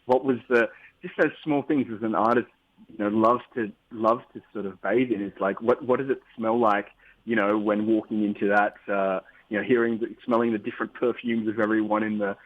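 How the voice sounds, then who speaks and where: A man's voice: fairly low pitch, steady tone, fairly quick, no echo. A man, a musician guest, talking in a rambling, upbeat way with many restarts in a casual interview. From Australia. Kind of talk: casual interview over the phone. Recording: tinny phone line.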